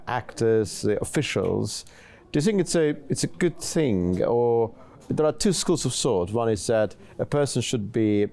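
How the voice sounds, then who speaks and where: A man interviewing a guest, asking long questions in a measured, formal way. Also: mid-range voice, a little mellow.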